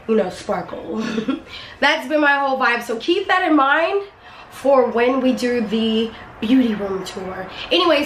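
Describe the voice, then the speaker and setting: A chatty young beauty vlogger with a fairly high voice talks at arm's length into a handheld camera, playful and full of slang and laughter. She is hoarse, having partly lost her voice. The casual vlog moves between her home beauty room and a windy outdoor spot, and the audio is noisy.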